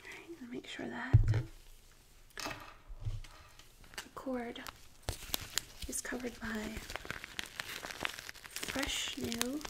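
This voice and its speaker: In an ASMR roleplay, a woman plays a tattoo artist, whispering breathy, slow, gentle instructions close to a binaural stereo mic. Her voice is fairly high and flat, and the low-quality recording has audible noise.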